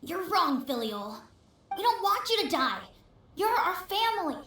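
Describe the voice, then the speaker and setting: Little kid tattletale for a game, super high n swoopy, blunt and accusing, echoey. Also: female voice, big pitch swings, measured pace, a bit bright, recorded from a distance, a little hiss or hum, exaggerated voice. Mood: earnest, firm. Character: blunt, tattling child raised in an assassin household. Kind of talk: video game voice acting.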